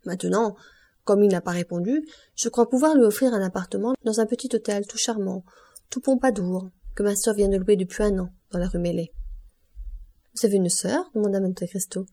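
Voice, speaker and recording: A woman reads a classic novel aloud as an audiobook in an even, measured delivery. Her voice is mellow and warm, sitting in a middle pitch. She gives each character only a slight change of tone. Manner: reads all characters in a lightly varied voice. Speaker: audiobook reader. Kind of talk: scripted narration of a classic novel.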